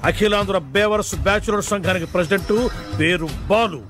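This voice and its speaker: An actor playing a chatty, scheming uncle with quick retorts in a comedy film. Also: male voice, high voice, fairly even intonation, fairly bright tone, soft background music.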